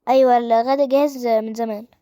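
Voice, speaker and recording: A woman doing a caring mother with an Egyptian accent who soothes her girls and gently scolds them for rudeness, in a voiced game role-play story. Her high voice runs fast and is recorded dry and close. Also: fairly even intonation, smooth, no echo, close to an everyday voice. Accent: Egyptian Arabic. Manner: soothing, mildly reproving.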